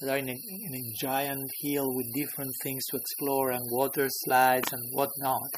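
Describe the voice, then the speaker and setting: A man's voice: mid-range voice, fairly even intonation, normal speed, noisy background. A man teaching a scripture class, who chuckles often and keeps checking in with his listeners. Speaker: spiritual teacher.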